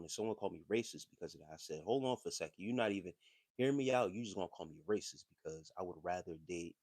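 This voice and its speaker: A man's voice: low-pitched, darkish tone, dry recording, studio quality. A man hosting a livestream, talking casually and reading chat messages in a loose, slangy, conversational way. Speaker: livestream host.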